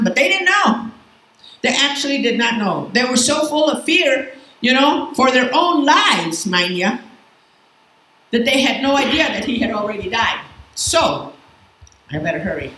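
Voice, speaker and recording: A woman teaching a Bible class in a casual, lively way, asking her students questions as she goes. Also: fairly high pitch, moderate pace. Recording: echoey room, faint background noise.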